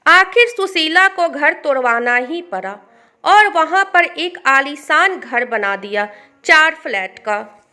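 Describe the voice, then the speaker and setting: A woman narrates a scripted family story in an animated video with a sympathetic tone. Her voice is very high and bright, and she reads slowly.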